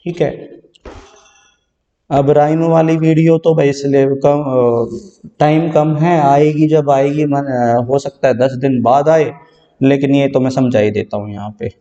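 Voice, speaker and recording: A man's voice: medium pitch, steady tone, measured pace, dark tone, highs cut off. A male English teacher giving an exam-prep lecture, explaining step by step and repeating key words as he checks that students follow. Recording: distant mic in a reverberant room.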